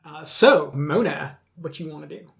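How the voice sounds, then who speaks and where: A woman's voice: deep voice, animated, moderate pace, vocal fry. A woman running a tabletop role-playing game in an easygoing, laughing way. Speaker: game master.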